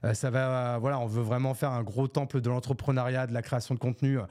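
A man's voice: medium pitch, level tone, fast, darkish tone. A man hosting his own solo podcast, talking off the cuff in a casual, rambling way, full of fillers, restarts and English business slang. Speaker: podcast host. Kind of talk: solo unscripted podcast talk. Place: Bordeaux, France. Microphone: podcast microphone.

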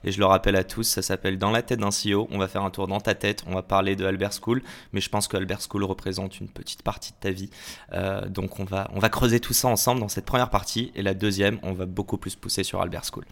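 A young man hosting a podcast in casual, lively conversation, swearing and laughing freely. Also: low-pitched, quick pace, gravelly. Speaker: podcast host. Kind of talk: casual interview chat.

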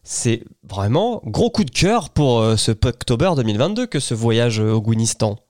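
A man's voice: medium pitch, big pitch swings, moderate pace, darkish tone, no echo, clean studio sound. A man hosting his own podcast, chatting enthusiastically about a show he recommends, with plenty of fillers and restarts. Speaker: podcast host.

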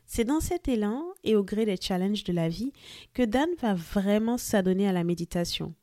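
A woman hosting a podcast, reviewing a book in a lively, friendly scripted delivery and speaking directly to her listeners. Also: mid-range voice, moderate pace, no echo, studio quality. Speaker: podcast host.

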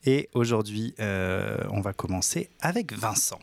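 A man's voice: lowish voice, animated, measured pace, gravelly, no room sound. A man hosting a casual news podcast, introducing the topics and his co-hosts in a playful, teasing way. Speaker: podcast host. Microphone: studio microphone.

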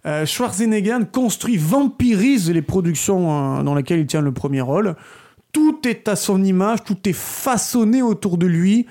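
High-voiced man reviewing a film. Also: mellow. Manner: hesitant, many filler pauses. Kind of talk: casual film review chat.

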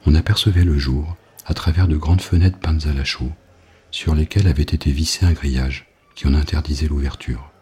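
A man reading an audiobook novel in a grave, measured narration. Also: a bass voice, fairly even intonation, warm tone, breathy edge.

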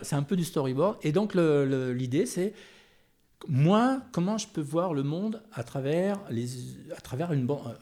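Un homme d'âge mûr, auteur de bande dessinée, parle en entretien de façon animée, avec des hésitations et des reprises. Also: male voice, fairly high pitch, normal speed. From Chablais, French Alps. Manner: animated, hesitant, many restarts. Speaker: comic book artist. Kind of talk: casual interview conversation.

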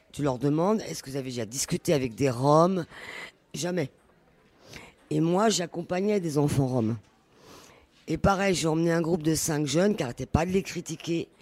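A woman's voice: deep voice, a little mellow. A woman who used to be a street youth worker, telling a story in a live roundtable discussion with earnest, restarting speech. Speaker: former street youth worker, panel participant. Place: community venue during a public event.

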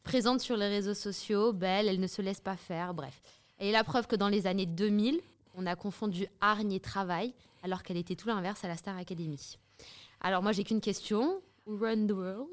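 Playful, quick-witted woman co-host. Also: medium pitch. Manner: playful and quick, with teasing asides. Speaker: podcast co-host. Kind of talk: casual podcast chat with a scripted intro. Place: hotel in Paris.

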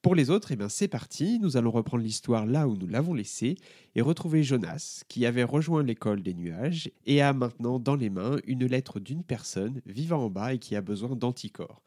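A man hosting and narrating a children's story podcast in a gentle, calm manner. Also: medium pitch, moderate pace, no room sound, studio quality.

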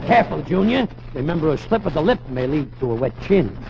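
An actor playing a lazy, wisecracking riverboat skipper with droll, mock-pompous delivery in an old-time radio comedy. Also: male voice, fairly high pitch, sing-song, fast, gravelly. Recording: dull, very noisy vintage radio recording.

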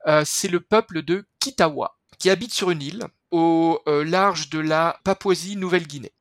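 Enthusiastic chatty interview guest, mid-pitched voice, lots of fillers, dry close recording. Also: normal speed, no room sound. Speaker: guest from a skincare firm. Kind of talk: podcast interview explaining research.

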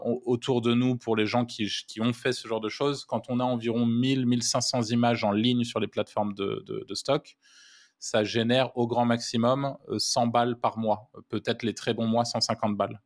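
A man's voice: medium pitch, level tone, normal speed. A man co-hosting a podcast, chatting casually and rambling with many restarts and fillers. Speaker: podcast co-host.

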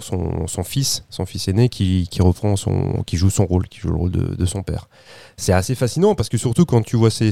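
A man's voice: on the low side, gravelly, dark tone, no room sound. A man chatting casually about cinema as a podcast host, rambling with frequent restarts and fillers. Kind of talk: casual film discussion.

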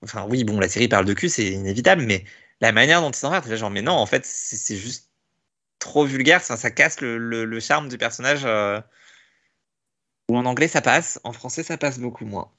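A man hosting a podcast in casual chat, talking in an animated way with many restarts and fillers. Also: medium pitch, moderate pace. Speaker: podcast host.

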